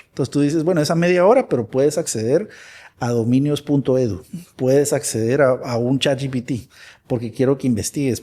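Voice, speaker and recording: Interview guest: a man from Guatemala with a husky voice, animated, acting out little dialogues. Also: medium pitch. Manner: animated, acts out imagined dialogues. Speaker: guest expert. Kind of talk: conversational interview.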